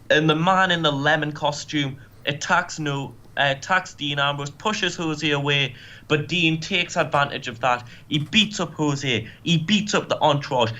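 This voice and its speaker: A man's voice: on the high side, bright, forceful tone. A man hosting a let's play, giving casual, joking commentary on a wrestling game. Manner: joking, wry.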